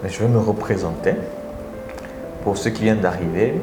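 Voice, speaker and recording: A man from the Republic of the Congo hosting a casual live stream from his office, energetic and talking straight to his viewers, often repeating his phrases. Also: sits low, normal speed, echoey room, music in the background. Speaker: live stream host and speaker.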